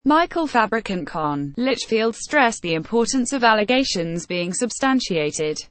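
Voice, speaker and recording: A woman's voice: fairly high pitch, big pitch swings, a little slow, a bit bright, dry recording. Woman reading a news column, dry. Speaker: article reader. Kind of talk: read-aloud news column.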